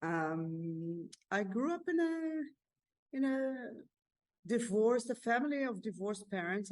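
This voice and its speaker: Woman guest with an Israeli accent, reflective and halting, pausing to find the words. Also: mid-range voice. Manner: thoughtful, hesitant, many pauses and restarts.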